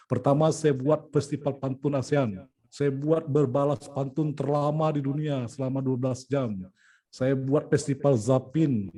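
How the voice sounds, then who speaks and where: With a mid-range, dark-toned voice, a middle-aged event organizer and poet from Indonesia lays out the logistics of a plan one step at a time in a meeting. He peppers his talk with "nah" and "ya."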